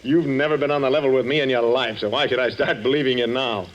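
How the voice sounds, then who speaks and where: A man's voice: medium pitch, fairly even intonation, fast talker, natural voice. A man acting a mocking, disbelieving police inspector in 1940s radio style, jeering through his words. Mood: mocking amusement. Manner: jeering, laughs while talking. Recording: dull, hissy old radio recording.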